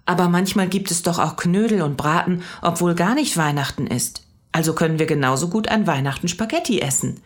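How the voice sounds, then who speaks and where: A woman's voice: lowish voice, fairly quick, voice pushed up, natural voice. A woman voicing a curious, stubborn little girl in a storybook reading, speaking earnestly and asking question after question.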